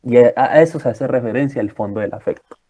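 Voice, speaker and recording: A man's voice: medium pitch, fast talker, warm tone, highs cut off. A young man tutoring students in a casual lecture, rambling and checking in with his listeners.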